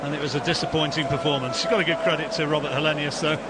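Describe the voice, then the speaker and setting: A man calling a boxing fight as ringside commentator, wrapping up the result in a steady play-by-play manner. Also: a little high, rapid-fire. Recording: loud crowd and noise behind.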